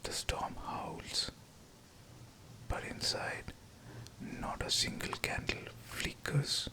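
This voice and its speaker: Man, whispered pep talk, scripted affirmations, bright sibilant edge, slow deliberate phrasing. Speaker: guided affirmation narrator.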